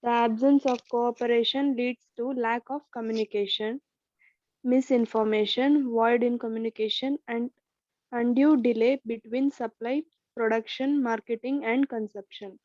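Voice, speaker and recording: A woman's voice: on the high side, steady tone, normal speed, darkish tone, no room sound. A woman reading lesson notes aloud, stumbling on a word now and then. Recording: dry dull lo-fi recording.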